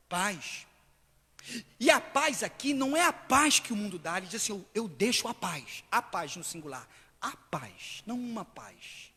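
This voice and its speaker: A middle-aged Brazilian man preaching a sermon at a live church service, swinging between hushed passages and loud emphatic bursts. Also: extremely high pitch. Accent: Brazilian Portuguese. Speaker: pastor. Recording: reverberant hall with music behind.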